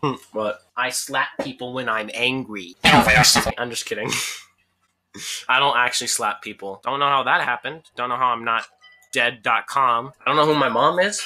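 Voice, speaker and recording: A woman's voice: rumbling low, normal speed, bright, forceful tone, soft background music. A woman doing goofy let's-play commentary on a game, rambling jokes and laughing often. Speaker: gameplay YouTuber.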